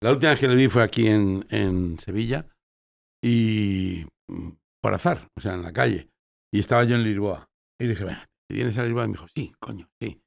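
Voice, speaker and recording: Gravelly low-voiced joking male guest. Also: moderate pace. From Spain. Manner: playful, joking, repeats himself. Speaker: guest, journalist and filmmaker. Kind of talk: casual conversational interview.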